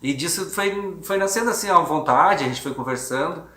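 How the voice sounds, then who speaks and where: A man's voice: fairly high pitch, normal speed, bright, forceful tone. A man, an adoptive father telling his story in a hesitant documentary interview with many restarts. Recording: echoey room on a phone.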